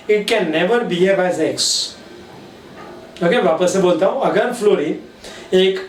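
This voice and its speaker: A man with an Indian accent teaching chemistry, dictating key points slowly and word by word and switching between Hindi and English mid-sentence. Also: sits high, darkish tone, a little hiss or hum. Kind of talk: classroom lecture. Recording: echoey room, mic at a distance.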